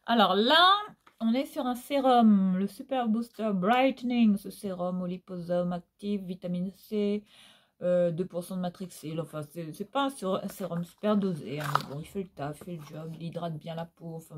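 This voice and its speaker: A middle-aged woman with a lilting Réunionese Creole accent talks her viewers through empty beauty products. Her voice sits at an ordinary middle pitch, and she keeps the chat loose with fillers and little tag questions, recorded at home. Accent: Réunionese Creole French. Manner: chatty, many fillers and tag questions, sing-song. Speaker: beauty vlogger. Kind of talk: casual product review chat. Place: at home, indoors.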